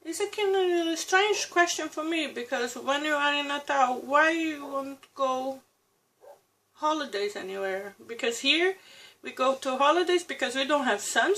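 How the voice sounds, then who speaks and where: A Brazilian vlogger in her thirties talks casually to camera about personal matters, with a Brazilian Portuguese accent and a high-pitched voice. She is reflective, pausing, restarting and laughing softly. The audio is poor.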